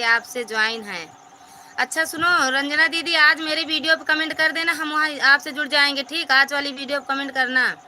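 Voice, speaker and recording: A woman's voice: sits high, sharp tone, a little hiss or hum. A woman, hosting a live stream and chattily reading out and thanking viewers' comments by name.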